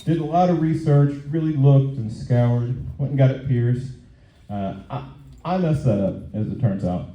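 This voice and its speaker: A man doing stand-up on stage at an open mic, talking in a halting, conversational way and repeating his phrases. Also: mid-range voice, mellow. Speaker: stand-up comedian. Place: live comedy venue on stage. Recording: echoey room, dull muffled sound.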